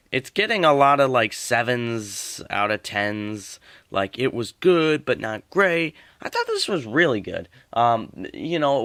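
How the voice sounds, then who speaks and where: Man, film reviewer, casual rambling talk, mid pitch, dry room. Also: no echo. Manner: rambling, relaxed, many fillers and restarts. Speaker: movie reviewer.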